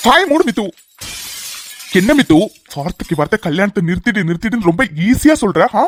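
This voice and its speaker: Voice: mid-range voice, animated, fast talker, a little hiss or hum, natural voice. Someone voicing a teasing young cartoon groom. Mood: angry. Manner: mocking, joking, then sharp and commanding. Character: teasing young groom who turns angry. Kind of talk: cartoon voice acting.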